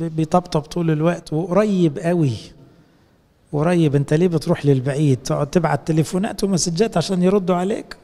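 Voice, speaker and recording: A middle-aged man with an Egyptian accent delivers a sermon in plain, conversational speech, addressing his listeners directly. His voice sits slightly high and sounds mellow. A long reverb from a church hall trails behind every phrase. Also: gravelly. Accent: Egyptian Arabic. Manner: colloquial, warm-hearted, speaks directly to the listener. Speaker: priest.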